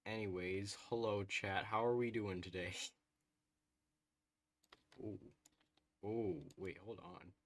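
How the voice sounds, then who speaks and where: A man's voice: lowish voice, steady tone, takes it slowly, pauses often, no room sound. A man streaming live over a headset mic, thinking aloud and reacting to a game with frequent "ooh"s and little laughs as he talks to his chat. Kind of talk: live gameplay commentary, talking to chat.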